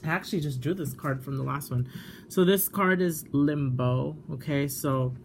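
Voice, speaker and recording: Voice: medium pitch, normal speed, slight background noise. A tarot card reader talking casually to the camera in a chatty way, with lots of fillers and self-corrections. The reader sometimes steps away from the mic while shuffling.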